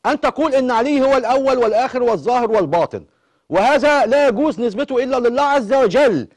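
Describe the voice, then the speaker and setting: Egyptian guy hosting a call-in show, keeps pushing the caller to answer, talks super fast. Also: extremely high pitch, expressive. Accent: Egyptian Arabic. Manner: pressing, insistent questioning. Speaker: TV call-in host. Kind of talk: live call-in debate.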